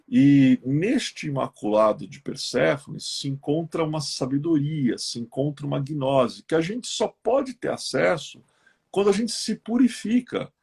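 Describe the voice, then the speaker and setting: A man with a Brazilian accent walks his audience through an esoteric lesson, and his fairly high voice swings up and down with animation. The tone is gravelly and slightly husky. He tells each tale with storyteller flair and keeps checking in with his listeners. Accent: Brazilian Portuguese. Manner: lively explainer who acts out myths in quoted voices, with frequent tag questions. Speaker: esoteric teacher co-hosting a live stream. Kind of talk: storytelling lecture in a live chat.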